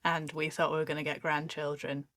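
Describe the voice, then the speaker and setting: A woman voicing a scandalised older parent who grumbles in a lower voice than her own. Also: flat delivery, brisk, fairly bright tone, no echo, studio quality. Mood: disapproving.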